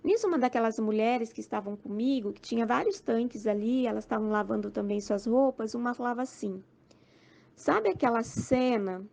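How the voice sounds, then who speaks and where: Higher, gravelly woman recounting a dream. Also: darkish tone. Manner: slow, repetitive storytelling with many "assim" and "sabe" fillers.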